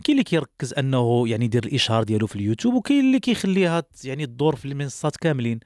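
A man's voice: mid-range voice, very animated, racing, a little mellow, no echo, clean studio sound. A male singer with a Moroccan accent answering interview questions earnestly, often restarting his sentences.

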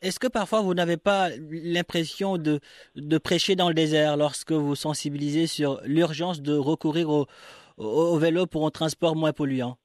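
A man hosting a radio interview, asking formal, measured questions. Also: on the high side, steady tone, no echo, studio quality. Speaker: radio show host.

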